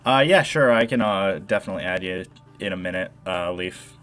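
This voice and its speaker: A man's voice: sits low, fairly quick, a bit bright, soft background music. Chatty nasal young man streaming. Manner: rambling, chatty, reads and answers chat. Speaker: modding livestream host. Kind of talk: casual livestream tutorial.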